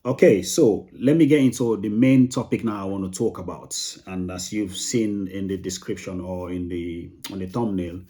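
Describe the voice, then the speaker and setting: A man's voice: low-pitched, normal speed, hardly any pauses, warm tone. A man with a Sierra Leonean accent hosts a video channel, chatting casually to viewers in an informal, rambling way with repeated phrases. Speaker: YouTube host of a property channel. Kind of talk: casual chat to camera.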